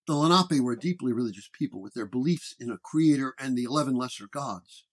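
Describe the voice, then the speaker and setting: A man with a medium-pitched, lively voice and quick pace performs as a weary, wounded 1930s detective, dramatically narrating his case report in first person. His voice sounds natural, and the mood is tired and reflective.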